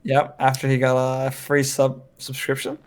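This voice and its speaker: A Danish man chats casually on a livestream, rambling and hesitant with plenty of fillers and restarts. His mid-range voice is completely flat at a moderate pace, with slight background noise in the recording.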